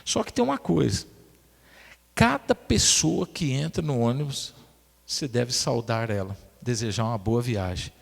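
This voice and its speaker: A man's voice: medium pitch, a little slow, vocal fry, big-room sound. A male pastor preaching a sermon, telling humorous personal stories to his congregation. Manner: lively storyteller, addresses the congregation as brothers. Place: church sanctuary.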